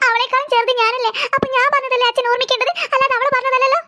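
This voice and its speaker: A woman's voice: flat delivery, very fast, sharp tone. A woman voicing a sulky, jealous little girl who cries and whines in a cartoon. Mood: whiny. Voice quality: very high childlike voice. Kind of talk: cartoon voice acting.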